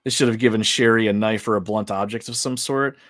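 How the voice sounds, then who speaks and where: Streamer, male, lower voice, chatty and rambling, reads chat while playing, light music under. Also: fairly even intonation, brisk, a bit bright. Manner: chatty, rambling, laughs often, talks to chat. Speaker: livestreamer. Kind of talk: casual gameplay commentary.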